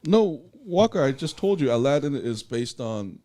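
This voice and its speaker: A man co-hosting a movie review podcast, with a lively voice that swings widely in pitch. He speaks bluntly and swears without holding back, at a mid-range pitch. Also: normal speed. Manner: blunt and animated, swears freely. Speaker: podcast co-host. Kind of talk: casual movie review chat.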